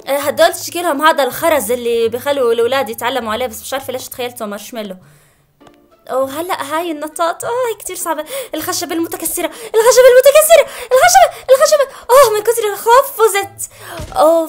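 Woman talking fast over her gameplay, high voice, yelps a lot, faint game music behind. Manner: excitable, shrieks and laughs often. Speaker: gamer. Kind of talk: let's play commentary.

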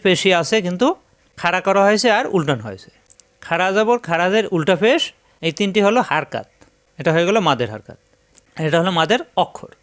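A man's voice: high-pitched, fairly bright tone. A man teaching a Quran recitation lesson, patiently repeating rules and drawing out letter sounds for students to memorize. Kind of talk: step-by-step tajweed lesson.

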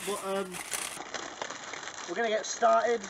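A man's voice: high-pitched, flat delivery, slow. Young man chatting outdoors, noisy background. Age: young adult. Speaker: challenge video host. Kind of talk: casual chat to camera. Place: small fenced back garden, outdoors. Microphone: camera a few feet away. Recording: clear outdoor background noise.

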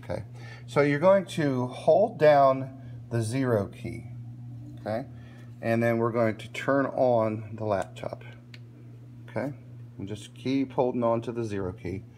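Indoors at a workbench, a tech tutorial host films a laptop screen and walks through a reset step by step. His medium-pitched voice is unhurried and plain, with frequent pauses and a relaxed "okay?" to check in. There's a little hiss or hum.

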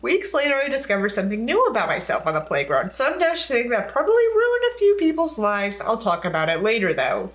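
Fairly high and swinging hugely in pitch, this young woman's voice moves quickly with few pauses over faint background music. She's a video creator giving a dramatic book reading, cutting in with sarcastic, fed-up commentary.

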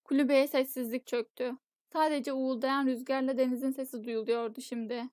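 A woman reads a novel aloud as an audiobook in steady, measured storytelling. Her voice sits high, and the recording is dry and close with no room sound. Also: no room sound. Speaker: audiobook narrator. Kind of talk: audiobook narration.

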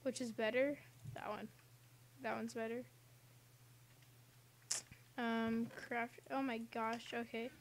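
A young woman with a fairly high voice talks her way through a game, rambling, giggling and tossing in silly asides. She sounds like she is at home, with a faint hiss of noise underneath. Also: level tone, slow, pauses often. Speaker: gaming channel host. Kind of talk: casual gameplay commentary.

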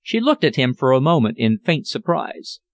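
Man narrating an audiobook, measured, lively pitch, dry close mic. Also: no echo.

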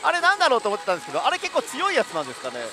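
A man giving excitable live play-by-play commentary on a pachinko game, speaking into a headset mic. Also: extremely high pitch, rapid-fire. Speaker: pachinko show host. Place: busy pachinko hall, indoors. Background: loud game-machine music.

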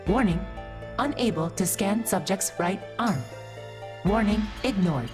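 A woman's voice: medium pitch, lively intonation, unhurried, music in the background, natural voice. Woman voicing a glitching computer system. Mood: monotone. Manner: toneless machine announcements that throw errors and cut off mid-word. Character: flat female computer system voice. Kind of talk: video game story scene voice acting.

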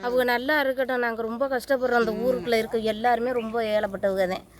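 A woman's voice: a little high, flat delivery, fast talker. A woman villager speaking earnestly about hardship outdoors.

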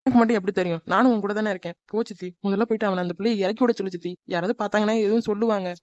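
A woman voicing a sharp-tongued, jealous young woman in a cartoon, scolding and sarcastic. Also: mid-range voice, steady tone, very fast, dry recording, muffled recording, close to an everyday voice. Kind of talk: animated cartoon dub.

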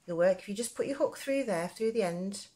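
Her voice is medium-pitched, expressive, brisk and mellow as she presents a crochet tutorial. A Nottingham native with a Nottingham accent, she chats informally and rambles through the craft lesson.

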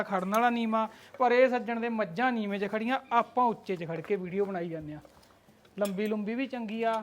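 A man showing buffaloes at a farm, calling out directions in a brisk salesman patter. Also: high voice, slight background noise. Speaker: livestock dealer vlogger. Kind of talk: on-farm livestock showcase. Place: outdoors at a dairy farm.

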